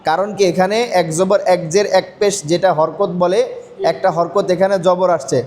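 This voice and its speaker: A man teaching Quran reading step by step, asking questions and answering them himself, slowing down to spell out letters. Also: high voice, steady tone, a little mellow, slight background noise. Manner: slows down to spell out and recite letters. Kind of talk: step-by-step recitation lesson.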